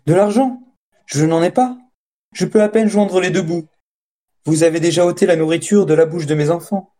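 A man's voice: high voice, normal speed, warm tone, voice pushed up. A man voicing a frightened old farmer who pleads and then defies a witch, in a raised, strained voice. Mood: pleading. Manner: anxious, pleading.

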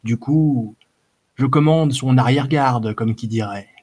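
A man reading as a greedy, crafty bandit chief who drawls and hesitates as he sizes up his prize. The husky voice sounds coarse and sly, a storybook rogue. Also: mid-range voice, unhurried, darkish tone. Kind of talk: audiobook character voice.

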